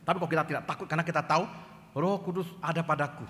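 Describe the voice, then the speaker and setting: Animated pastor in a reverberant hall. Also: male voice, on the high side, rapid-fire. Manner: animated, acts out dialogue in quoted voices. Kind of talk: sermon with storytelling. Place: church.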